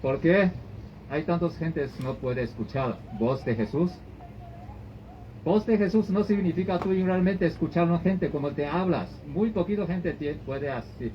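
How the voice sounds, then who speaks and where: Slow-spoken man preaching a sermon. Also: a little high. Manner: halting, repetitive phrasing with frequent restarts. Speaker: pastor. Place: church service. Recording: dull lo-fi recording with faint noise.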